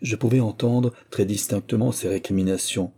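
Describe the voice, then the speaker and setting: Brief: low husky male audiobook narrator, measured and earnest. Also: steady tone, mellow. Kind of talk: audiobook reading.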